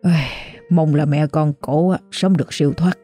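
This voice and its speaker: A woman voicing a gentle old village man. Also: deep voice, steady tone, moderate pace, faint music behind. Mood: sorrowful. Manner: chuckling, gentle and fond.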